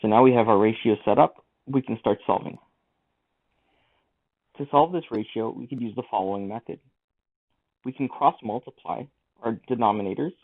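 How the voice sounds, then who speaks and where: Speaking at a normal pace with frequent pauses, a man with a mid-range voice narrates each step of a math problem. It's a screen-recorded lesson captured on a tinny, lo-fi microphone.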